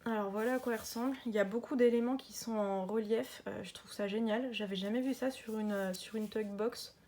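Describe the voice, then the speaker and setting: A woman's voice: fairly high pitch, fairly even intonation, fairly quick, a little mellow. Chatty woman unboxing a card deck. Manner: chatty, enthusiastic, many hesitations. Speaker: tarot and oracle deck reviewer. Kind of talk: casual unboxing chat.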